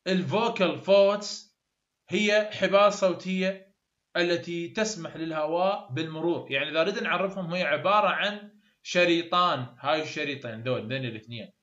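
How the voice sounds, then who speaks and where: Tutor, male, Iraqi Arabic accent, patient step-by-step explainer, fairly high voice, roomy lo-fi recording. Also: fairly quick, a bit bright. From Iraq. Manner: explains step by step, repeats terms for learners. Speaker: English phonetics tutor. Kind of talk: recorded online lecture. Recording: echoey room, dull lo-fi sound.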